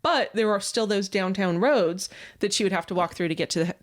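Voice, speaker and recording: A woman co-hosting a true-crime podcast, explaining facts in a steady, matter-of-fact way. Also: mid-range voice, fairly quick. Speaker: podcast co-host.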